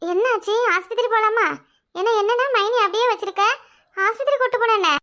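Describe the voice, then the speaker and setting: A prying young sister-in-law, played by a woman in a village cartoon, with a Kanyakumari Tamil accent. The voice is squeaky, very high and bright, and she talks quickly. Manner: prying, chatty.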